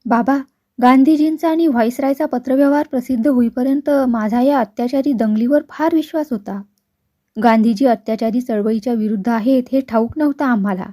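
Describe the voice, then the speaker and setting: A woman voicing a remorseful young man who speaks calmly and quietly to his father. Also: on the high side, natural voice. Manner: calm, pleading, quiet.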